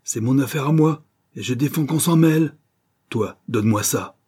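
A man's voice: fairly low pitch, animated, moderate pace, full character voice. Man roaring as a savage young brawler. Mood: furious. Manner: shouting, hoarse roars. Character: seventeen-year-old male street brawler, savage and furious.

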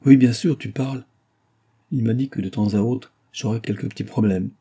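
A man's voice: normal speed, mellow, breathy edge. A man reading an audiobook voices a distraught young woman who owns a bar, tearful and pleading. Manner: tearful, pleading, rising pitch.

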